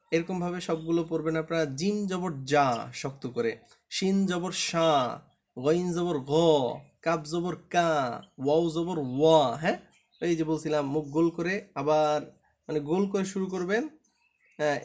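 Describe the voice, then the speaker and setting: A man teaching a Quran reading class online, patiently drilling letter sounds and asking the class to check understanding. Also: on the high side.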